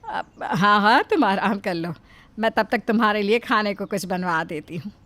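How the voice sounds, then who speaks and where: A woman voicing a kind, protective middle-aged mother-in-law in an animated story, gently soothing and scolding. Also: medium pitch, moderate pace, lightly acted. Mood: hospitable.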